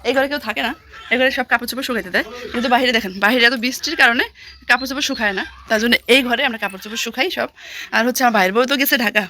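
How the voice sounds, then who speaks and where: A young woman vlogging casually from her rural home, a little hoarse, chatting quickly and cooing at a small child. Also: on the high side, slight background noise. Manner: rapid chatty talk, coos loudly at a small child. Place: rural home, indoors and yard.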